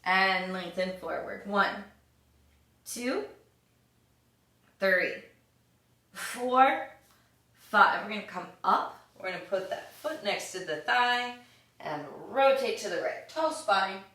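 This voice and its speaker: A woman leading a yoga exercise class with slow counted cues, upbeat and encouraging, with the hiccups. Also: mid-range voice, expressive, pushed and bright. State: has the hiccups. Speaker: yoga instructor. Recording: echoey room, voice from a distance.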